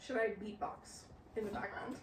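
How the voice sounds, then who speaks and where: A woman's voice: mid-range voice, level tone, normal speed. Giggly late-twenties woman podcasting, chatty and teasing, roomy echo, faint hiss behind. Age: late 20s. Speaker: podcast co-host. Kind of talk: casual chat.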